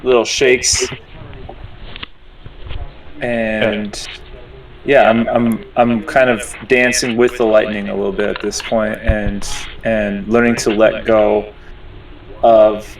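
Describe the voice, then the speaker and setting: A man playing a tabletop game, describing his character's actions in first person, deliberately and haltingly. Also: on the low side. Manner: deliberate, halting, searching for words. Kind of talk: improvised first-person role-play description. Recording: distant microphone.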